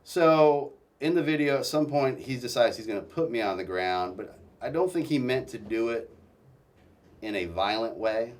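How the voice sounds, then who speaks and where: A man telling his own story as a guest in a casual interview, halting and restarting often. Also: fairly low pitch, expressive, recorded from a distance.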